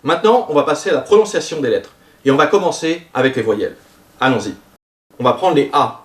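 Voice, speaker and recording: A man teaching a language lesson, explaining vowel sounds and drawing out example words slowly. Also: on the high side, expressive, recorded from a distance. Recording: roomy sound, voice a bit off-mic.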